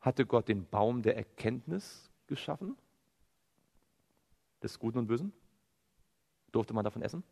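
A man preaches with a mid-range voice that is creaky and a bit breathy, moving a little slowly and leaving long pauses. Animated, he cites scripture and asks rhetorical questions only to answer them. The recording carries a long hall reverb.

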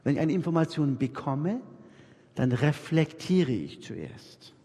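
A man delivers an animated sermon, his pitch swinging widely as he acts out little dialogues and turns to his listeners. His voice is slightly husky. The sound rings out with the long reverb of a church hall. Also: slow pace. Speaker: preacher to a congregation. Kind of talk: lively sermon.

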